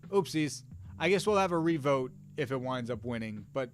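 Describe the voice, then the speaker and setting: A man's voice: mid-range voice, lively intonation, normal speed, a little hiss or hum. A man hosting a live drawing stream, chatting casually with viewers in an easygoing, rambling way with lots of fillers and little chuckles.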